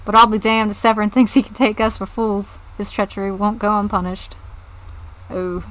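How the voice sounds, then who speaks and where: A woman's voice: medium pitch, level tone, slow, dark tone, natural voice, poor audio. A woman doing a blustery old farm boss. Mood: gruff. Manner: blustery, old-fashioned insults. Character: gruff older male farmer leader, blustery.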